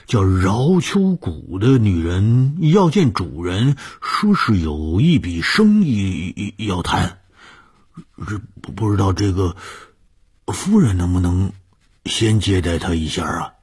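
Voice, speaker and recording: 男的扮的老头儿佣人，说话磕磕巴巴，嗓子哑，起伏大. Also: male voice, low voice, sing-song, slow pace, a little mellow, husky, voice pushed up, heavily acted. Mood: flustered. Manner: stutters nervously. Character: stammering flustered old male servant.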